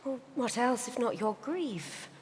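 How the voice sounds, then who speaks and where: Lady doing a worried older sister, pitched up and pushy, loud bits, hall echo. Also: lively intonation, unhurried. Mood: coaxing. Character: anxious elder married sister, soothing and pleading. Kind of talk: live dramatic reading. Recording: hall reverb.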